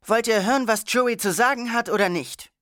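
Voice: medium pitch, a little fast, a bit bright, dry recording, voice pushed up, close to an everyday voice. A bossy, impatient schoolgirl , as an audiobook reader puts her on snaps at the boys to get on with it. She growls her words with exasperation. The voice sounds dry and close to the mic.

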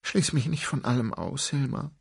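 A man's voice: medium pitch, lively intonation, moderate pace, vocal fry, slightly rough, no room sound, clean studio sound, voice pushed up, heavily acted. A man reading an audiobook, voicing a distraught adult woman who pleads urgently. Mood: urgent pleading.

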